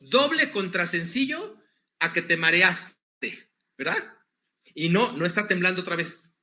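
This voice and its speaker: Energetic high-voiced man coaching. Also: a little slow, echoey room. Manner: energetic, coaching the audience through breathing exercises. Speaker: motivational speaker. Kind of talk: conference talk on emotions.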